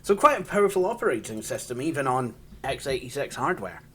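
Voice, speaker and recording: A man's voice: mid-range voice, very animated, brisk, husky. A Scottish man casually walking through an old operating system, rambling and poking fun at himself, laughing often. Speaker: tech channel host. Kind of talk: casual hands-on software walkthrough.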